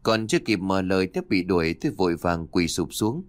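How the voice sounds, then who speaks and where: A man narrating a first-person spooky story in a measured, expressive way. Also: low-pitched, no room sound, soft background music.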